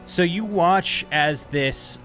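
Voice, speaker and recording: Slow, halting man running a tabletop game. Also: fairly high pitch, fairly bright tone, faint music behind. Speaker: game master. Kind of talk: casual tabletop game narration.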